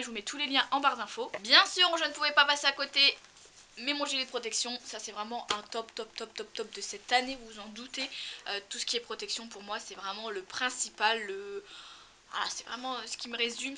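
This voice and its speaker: A young equestrian vlogger with a cold chats casually through a product review outdoors in a chilly stable tack room, repeating words for emphasis. Her voice is fairly high, bright and forceful but slightly nasal and congested, with a little hiss or hum.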